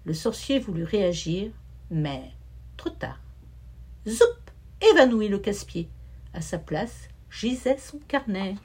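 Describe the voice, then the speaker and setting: Husky woman reading a children's story. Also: medium pitch, slow pace. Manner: expressive, rhythmic listing.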